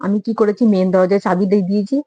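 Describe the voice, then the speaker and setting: Young woman, home prank vlogger; rapid, chatty, talks straight to viewers, dry sound. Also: medium pitch, level tone, dark tone, no echo, highs cut off. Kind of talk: casual vlog talk to viewers.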